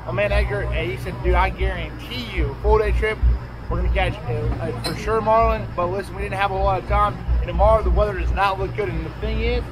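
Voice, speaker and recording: Out on an open boat deck at sea, a fishing vlogger in his thirties chats casually into a close camera about his fishing trip, rambling in a relaxed, folksy manner. He speaks quickly in a high voice with fairly even intonation. The rough outdoor recording picks up wind and engine noise.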